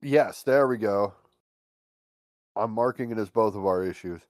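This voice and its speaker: Animated, crude-talking man on a dry mic. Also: lowish voice, unhurried, dry recording. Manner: animated, swears a lot, does mocking voices. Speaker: podcast co-host. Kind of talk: casual chat.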